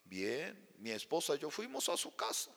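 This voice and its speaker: A man's voice: fairly high pitch, huge pitch swings, moderate pace, vocal fry, a bit bright. A male pastor, a native Chinese speaker, telling a sermon story with acted voices. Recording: long hall reverb.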